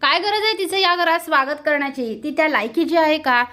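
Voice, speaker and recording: A woman's voice: high-pitched, brisk, bright, forceful tone. Woman reading lines of a scornful elder brother. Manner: reproachful, scornful. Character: angry adult man, scolding elder brother.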